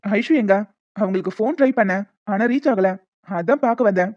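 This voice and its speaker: A woman's voice: medium pitch, brisk, a little mellow, dry recording, lightly acted. A woman voicing a polite, earnest young man in a cartoon, who turns sharply accusing. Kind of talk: cartoon voice acting. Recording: dull, dry lo-fi recording.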